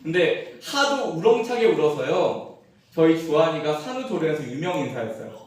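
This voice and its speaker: Animated pastor preaching in an echoey church. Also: male voice, on the high side, moderate pace, slight background noise. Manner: humorous storytelling, swings from hushed to emphatic. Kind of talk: sermon. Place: church sanctuary. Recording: roomy church echo, mic at a distance.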